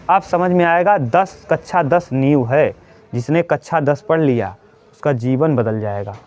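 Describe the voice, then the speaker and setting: A male coaching teacher giving his students an earnest pep talk in the middle of a maths lesson, repeating his points and answering his own questions. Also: on the high side. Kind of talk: motivational talk to students during a maths class. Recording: dry, dull lo-fi sound.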